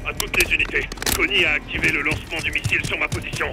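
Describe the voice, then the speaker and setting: A man's voice: fairly high pitch, steady tone, fast. A man voicing a male soldier in a video game dub, making urgent, clipped calls to all units over a military radio. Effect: military radio transmission. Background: game music.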